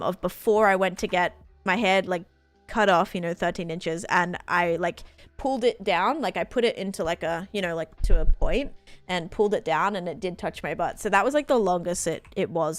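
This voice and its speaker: A woman's voice: on the low side, normal speed, dry recording. Chatty woman rambling on stream. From Australia. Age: late 20s. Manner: rambling, chatty, full of fillers. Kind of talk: casual chat while gaming.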